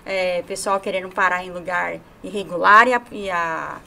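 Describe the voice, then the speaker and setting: Brazilian woman explaining calmly, faint ambience. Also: lowish voice, moderate pace, vocal fry, slight background noise. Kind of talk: casual chat.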